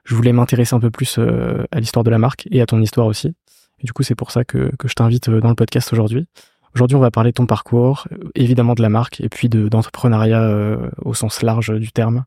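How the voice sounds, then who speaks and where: A man's voice: mid-range voice, level tone, fast, vocal fry, dark tone, no echo, studio quality. A man hosting an entrepreneurship interview podcast, friendly and hesitant, with many fillers. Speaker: podcast host.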